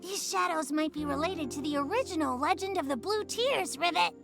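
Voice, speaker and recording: Small female croaker, game character: extremely high, gravelly edge, timid chatterbox, habitual ribbits. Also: fairly quick. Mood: chatty, earnest. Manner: punctuates sentences with croaking "ribbit". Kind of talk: scripted game dialogue. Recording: game music behind.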